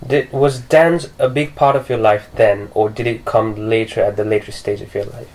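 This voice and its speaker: A man's voice: on the low side, fairly even intonation, normal speed, a little mellow, poor audio. A young man hosting a podcast, asking a guest questions attentively in a living room and backing him up with frequent murmurs. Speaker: podcast host. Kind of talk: interview questions. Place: living room with leather sofas.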